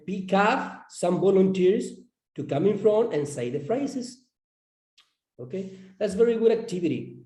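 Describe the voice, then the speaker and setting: A man explaining his classroom lesson plan as an English teacher, halting and repeating words as he goes. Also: sits high, mellow. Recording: roomy echo.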